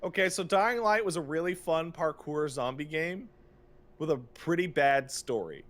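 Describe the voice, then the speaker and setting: This co-host rants casually on a podcast, fed up and forceful, cursing freely and repeating lines for effect. His voice is on the high side and a bit bright, with lively intonation at a moderate pace.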